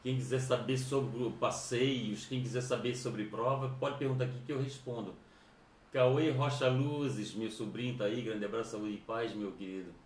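A man with a southern Brazilian accent chats casually on a livestream, greeting viewers in an informal, rambling way and often repeating his phrases. His medium-pitched voice is steady and moderately paced, captured by a distant mic in an echoey room with a little hiss or hum.

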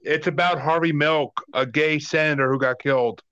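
A man in a casual podcast chat, throwing in dry, deadpan jokes. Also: fairly high pitch, normal speed, clear, resonant tone. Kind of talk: casual banter. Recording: dull lo-fi sound.

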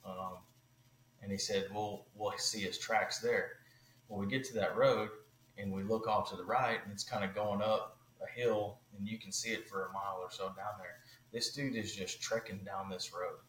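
A man, a podcast guest, telling a long story in a casual, animated way, with many fillers. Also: on the low side, moderate pace, echoey room, slight background noise, low-quality recording.

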